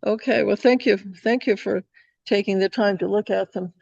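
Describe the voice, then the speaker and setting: Lady chairing a meeting, lots of vocal fry, informal, kinda muffled recording. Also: mid-range voice, steady tone, moderate pace, a little mellow, no echo. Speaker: committee chair.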